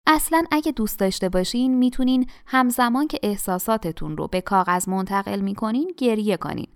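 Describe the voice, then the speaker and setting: A woman reading a self-help audiobook in a calm, measured, advising manner. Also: mid-range voice. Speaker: audiobook narrator.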